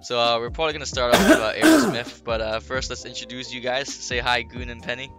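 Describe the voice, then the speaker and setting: A young man hosting a casual gaming podcast, chatting in a laid-back way with plenty of fillers, his audio low in the mix. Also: steady tone, fast. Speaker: podcast host. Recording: low-level voice with faint background music.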